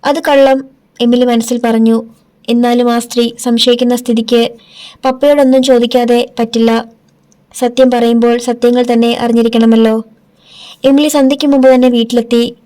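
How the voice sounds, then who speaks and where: A woman narrating an audiobook in a steady storytelling manner. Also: fairly high pitch, moderate pace. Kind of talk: scripted narration.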